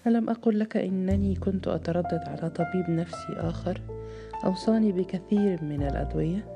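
A woman's voice: fairly low pitch, fairly quick, over music, lightly acted. A woman voicing an anxious, irritated young wife in therapy, asking tense, defiant questions.

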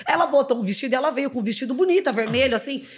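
A Brazilian comedian in her thirties, appearing as a podcast guest, tells funny stories in a lively, animated way, acting out other people's voices with shrieks. Her voice is high-pitched and slightly rough, and she talks at a racing pace.

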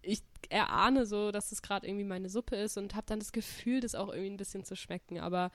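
A woman's voice: medium pitch, fairly quick, a bit bright, no room sound. Young woman with a cold, chatting casually. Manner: rambling, informal, slangy. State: mildly sick with a cold and stuffy nose. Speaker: podcast co-host. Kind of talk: casual chat.

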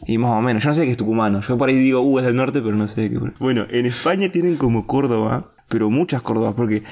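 A man's voice: mid-range voice, fast talker, darkish tone. A young Argentine man hosting a casual podcast, rambling and joking, often repeating words as he thinks aloud. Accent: Argentine Spanish. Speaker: podcast host. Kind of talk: casual chat.

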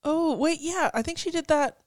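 Podcast co-host, female, high voice, foul-mouthed comic rants. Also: normal speed, dry recording, studio quality. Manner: swears a lot, mock-outraged, laughing. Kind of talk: casual chat.

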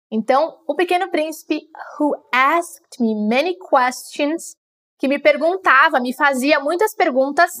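A young woman with a Brazilian Portuguese accent and a high voice runs a bilingual read-along lesson. She reads English lines slowly and with care, then explains them in quick, chatty bursts, like a teacher used to guiding students. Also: a bit bright.

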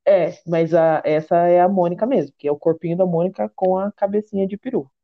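A woman's voice: lowish voice, a little fast, gravelly. A woman podcast host with a Brazilian Portuguese accent, chatting casually with a guest, self-deprecating and full of restarts. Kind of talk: casual chat. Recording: tinny phone-like sound.

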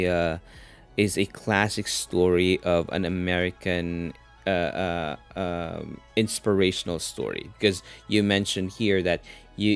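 A man hosting a podcast interview, halting and repeating words as he searches for his phrasing. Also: low voice, clear, resonant tone. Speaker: podcast host. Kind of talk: interview questions, casual chat.

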